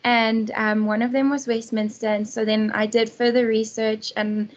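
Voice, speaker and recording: A woman's voice: fairly high pitch, little pitch movement, normal speed. A young woman, a student on an online panel talking conversationally. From South Africa. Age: young adult. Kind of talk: casual panel answer. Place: video call. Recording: slightly dull call audio.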